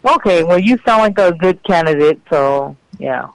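A woman's voice: on the low side, expressive, normal speed, dry recording, rough recording. A woman in a polite, casual phone conversation, earnestly asking questions. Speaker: phone call recipient.

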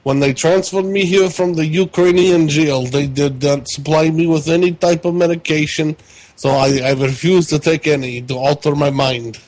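A man's voice: on the high side, steady tone, moderate pace, darkish tone, no room sound, lightly acted, low-quality recording. A man voicing a boastful, aggrieved middle-aged Ukrainian prisoner with a Russian accent, blunt and grandiose in stilted phrases, as in a prank call. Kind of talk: prank phone call character acting.

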